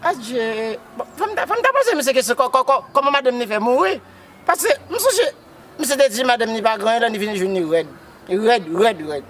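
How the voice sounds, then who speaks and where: A man's voice: extremely high pitch, animated, normal speed, a bit bright, a little hiss or hum. A man with a Haitian accent playing a grief-stricken widower who sobs, wails and keeps calling out to Jesus. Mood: grieving. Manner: repeats words, cries out to Jesus. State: wailing and sobbing. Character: grief-stricken man mourning his dead wife.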